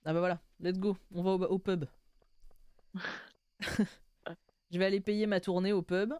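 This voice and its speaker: A woman's voice: medium pitch, little pitch movement, moderate pace, dark tone, clean tone, no room sound, clean studio sound. A young woman chatting casually and jokingly while playing a video game, reading its text aloud. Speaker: gaming streamer. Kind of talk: casual let's-play chat.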